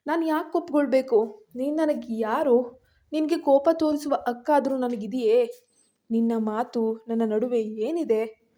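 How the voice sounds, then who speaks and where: A woman's voice: on the high side, a little slow, mellow, natural voice. A woman voicing an angry, possessive young husband in a storybook reading, curt and scolding.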